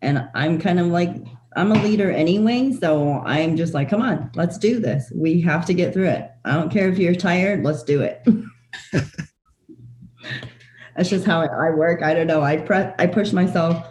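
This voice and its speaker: Mellow-voiced woman from Taiwan. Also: fairly low pitch, moderate pace, poor audio. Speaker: guest, mother. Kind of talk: casual interview chat.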